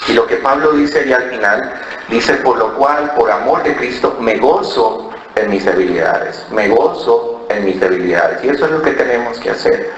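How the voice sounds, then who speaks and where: Preaching in church with a Cali, Colombia accent, this man, born in Ecuador and raised in Colombia, shares a personal story, imitating other people's voices and often tossing in "¿verdad?". He speaks at a medium pitch and normal speed. The sound is reverberant and lo-fi, with slight background noise.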